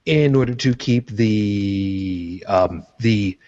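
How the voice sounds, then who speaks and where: A Brooklyn man co-hosts a podcast in casual conversation, his fairly low, darkish voice moving very slowly on dull audio. He rambles, corrects himself, and cracks jokes as he goes.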